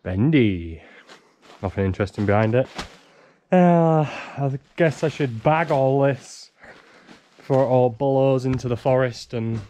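A homesteader vlogger in his thirties, warm-toned and mid-range, speaks a little slowly over slight background noise. Filming with a handheld action camera as he strips out a half-demolished wooden barn, he chats wryly to himself the whole time.

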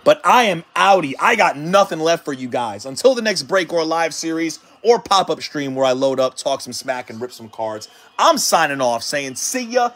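High-voiced hyped man ripping cards. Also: moderate pace, few pauses. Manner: hyped, shouting exclamations between calm card callouts. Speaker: card break host. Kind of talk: excited card-break stream.

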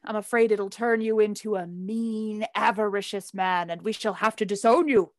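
A woman's voice: mid-range voice, fairly even intonation, moderate pace, no room sound, studio quality, natural voice. A woman playing a playful, sarcastic grown son in a radio play. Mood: wry, playful. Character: Herbert, teasing grown son in a family.

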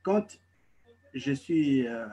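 A man's voice: medium pitch, animated, warm tone, breathy edge. A middle-aged man from Congo, a guest on a video call at home, giving emphatic political commentary and often restarting his sentences. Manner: emphatic, halting with many restarts. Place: home living room. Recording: dull lo-fi video call audio.

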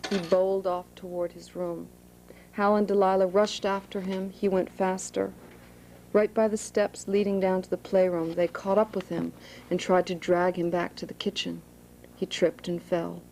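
A woman author reading her own novel aloud to students in a high school room, with plain asides. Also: flat delivery, moderate pace, vocal fry, a little mellow, a little hiss or hum, rough recording.

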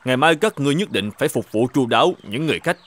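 A man with a medium-pitched voice plays an upright, determined governor in an animated folk tale. He speaks formally with measured authority, sounding resolute.

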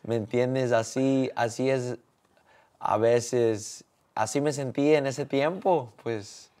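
Halting young man in his twenties. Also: medium pitch, dark tone. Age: 20s. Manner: halting, searching for words, often asks "you understand?". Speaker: guest, son of the boxer. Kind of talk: casual interview.

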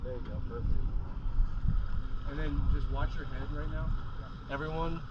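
A man on a sailboat calmly explaining how to sail and warning about the boom, in casual instructive chat. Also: normal speed. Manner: calm, explanatory, warns about safety. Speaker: skipper explaining sailing. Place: outdoors on a sailboat on a lake. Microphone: action camera on the boat. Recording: distant, muffled, heavy wind noise.

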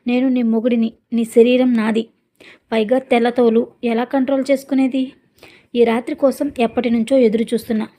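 A blunt, dismissive young husband, as a woman reads him in a spoken story. The voice stays soft and mellow, pitched a little high, with little change from the narrator's own. Each line comes out cold and matter-of-fact. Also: level tone, moderate pace, close to an everyday voice. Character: forceful entitled young husband, male. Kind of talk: storytelling with quoted dialogue.

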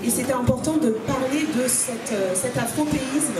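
A woman from Congo in her thirties speaks on a panel at a live event about her book, earnestly and steadily, often pausing with hesitations, into a handheld mic. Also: high voice, over loud music. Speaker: author on a panel. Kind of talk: panel talk. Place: small room at a live event. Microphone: handheld microphone. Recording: roomy, from far off.

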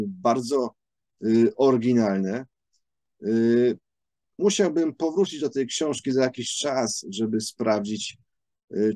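A man gives a spoken book review at a very slow, careful pace. He keeps stopping to hunt for words, filling the gaps with long hesitation sounds. His voice sits at an ordinary middle pitch, recorded dry and close with no room echo. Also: darkish tone. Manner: halting, many drawn-out "y" fillers, thoughtful.

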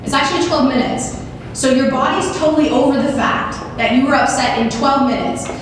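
A woman in her forties giving a lively motivational keynote at a podium microphone, often asking the audience questions. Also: sits high, a little fast, slight background noise. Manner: energetic, asks the audience questions, gestures a lot. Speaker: keynote speaker. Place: large banquet hall with audience. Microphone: podium microphone on a stand. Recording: echoey hall recorded from a distance.

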